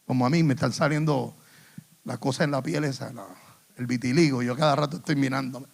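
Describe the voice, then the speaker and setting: A male pastor preaching a sermon in a church, swinging between hushed asides and loud emphatic lines, with English phrases mixed in. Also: mid-range voice, fairly even intonation, a little fast, creaky. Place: church in the Bronx.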